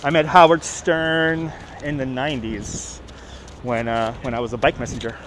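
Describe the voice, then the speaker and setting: A middle-aged man with a Brooklyn, New York accent speaks in a mid-range voice with fairly even intonation at normal speed. Walking Manhattan's busy streets on a casual live stream, he chats, reads viewers aloud and responds, and repeats himself, while outdoor city ambience and street noise carry on.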